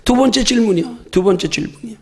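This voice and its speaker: Speaking fast in a high register, this middle-aged pastor runs a Bible study. His delivery is emphatic, packed with rhetorical questions, and sometimes rises to a shout.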